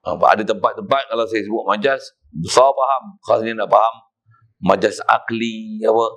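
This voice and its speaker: Speaking at a normal speed in a lowish, steady voice, a middle-aged religious teacher with a Malaysian Malay accent leads a kitab lesson in a prayer hall. He tells stories and loudly demonstrates chanted recitations.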